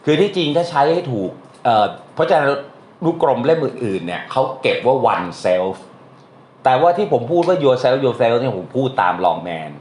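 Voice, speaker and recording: A man's voice: mid-range voice, very animated, measured pace, darkish tone. A man teaching a translation class in a casual, chatty way, often quizzing his students with questions. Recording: echoey room with faint noise.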